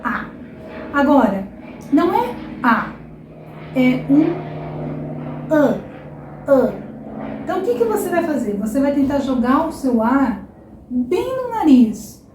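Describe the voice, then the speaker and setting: A high-voiced Brazilian woman gives a pronunciation lesson at an unhurried pace. She stretches and exaggerates each vowel for the learner and checks in with a quick "right?". Her voice carries an echo, as from a bare room. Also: darkish tone, a little hiss or hum. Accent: Brazilian Portuguese. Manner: stretches and exaggerates sounds to demonstrate, frequent checking "tá?". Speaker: Portuguese teacher. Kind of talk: language lesson to camera.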